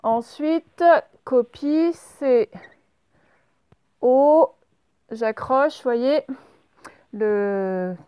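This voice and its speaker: Slow, patient schoolteacher woman. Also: fairly high pitch, mellow, clean tone, no room sound. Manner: slow, spells out letters step by step. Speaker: primary school teacher. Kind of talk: remote handwriting and dictation lesson.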